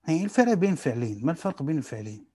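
A man with an Egyptian accent teaching a relaxed study lesson, asking himself questions and answering them, mixing colloquial and classical speech. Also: on the high side, very fast, husky, dry recording. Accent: Egyptian Arabic. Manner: mixes dialect with classical Arabic, rephrasing as he goes. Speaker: teacher reading and explaining a classical Quran commentary.

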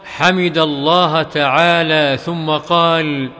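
A man reads hadith aloud at a slow, deliberate pace, his voice sitting a little higher than most men's. Some phrases rise into a melodic chant, and a long hall reverb trails after each line. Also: fairly even intonation, pushed and bright. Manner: measured, careful reading. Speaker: hadith reader.

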